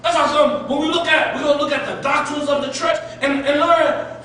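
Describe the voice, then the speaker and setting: A pastor preaching a fervent sermon, repeating his phrases and rising to shouts. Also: very high voice, steady tone, a little fast, far from the mic. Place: church sanctuary. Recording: very echoey church, voice from afar, faint noise.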